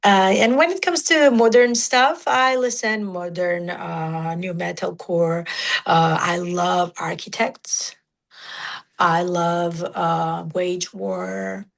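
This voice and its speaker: A young woman from Georgia, raised in Russia, with a Russian accent and a low alto voice with natural rasp, speaking haltingly in an interview with many fillers. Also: fairly even intonation. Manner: halting, many fillers, non-native grammar. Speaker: musician guest. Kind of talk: casual interview talk.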